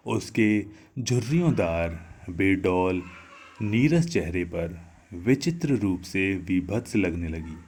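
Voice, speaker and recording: A male storyteller reads a literary tale in a low voice. He takes it very slowly, giving each line room. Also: darkish tone. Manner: slow, measured reading. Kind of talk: scripted narration of a literary story.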